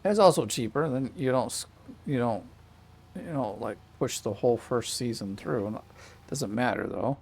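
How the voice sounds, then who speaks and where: Guy rambling thru a game at home, bit of fry in the voice, keeps correcting himself. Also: on the low side, darkish tone. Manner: rambling, self-correcting, chatty asides to a child. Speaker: gaming channel host. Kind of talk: casual gameplay commentary. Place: home desk with a small child nearby.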